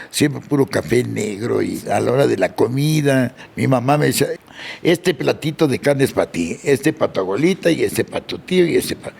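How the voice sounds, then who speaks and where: Gravelly older man. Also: slight background noise. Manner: animated anecdote teller, jumps high when quoting people. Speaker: interview guest, sonidero. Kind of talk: casual storytelling.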